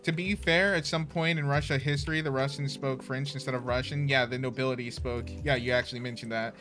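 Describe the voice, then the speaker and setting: A man's voice: mid-range voice, steady tone, a little fast, fairly bright tone. A man hosting a tabletop game stream, chatting casually with many fillers and the odd swear word. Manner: rambling, full of fillers and swearing. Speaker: stream host. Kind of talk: casual chat before a tabletop session. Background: faint background music.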